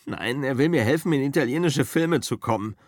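A man's voice: mid-range voice, brisk, dry recording, clean studio sound, pitched above the performer's own voice, close to an everyday voice. A man reading an audiobook, voicing a bitter, hot-tempered male actor who rants and curses about his failing career. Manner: angry, cursing, ranting. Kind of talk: audiobook character voice.

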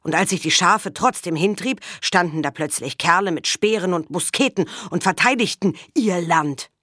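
A woman's voice: on the low side, moderate pace, fairly bright tone, no echo, studio quality. A woman reading the part of an aggrieved man who farms sheep, telling his complaint. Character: aggrieved male sheep farmer.

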